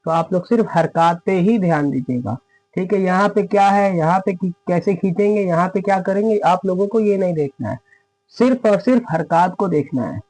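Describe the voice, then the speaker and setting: A man's voice: high-pitched, animated, moderate pace, darkish tone, no room sound, faint music behind, poor audio. A man giving a spoken lesson on Quran reading, explaining each rule step by step and checking in with his listeners. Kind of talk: spoken lesson with recited examples.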